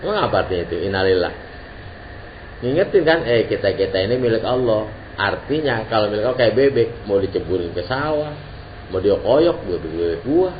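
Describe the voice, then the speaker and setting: A man's voice: on the low side, brisk. Male teacher, informal sermon, muffled lo-fi recording with light hiss. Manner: casual Jakarta-slang preaching, lively and joking. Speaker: Islamic teacher. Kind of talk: informal religious lesson. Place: religious gathering hall. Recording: dull lo-fi recording with faint hiss.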